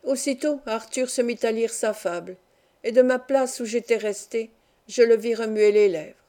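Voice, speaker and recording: A woman reading a classic novel aloud as an audiobook, in a calm, even storytelling manner. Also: fairly high pitch, moderate pace. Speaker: audiobook reader. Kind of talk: scripted narration of a classic novel.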